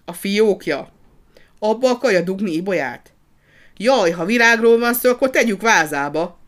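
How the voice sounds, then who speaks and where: A storyteller voicing an agitated, bossy male gardener who talks excitedly and often shouts. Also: medium pitch, pitched above the performer's own voice, natural voice. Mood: exasperated.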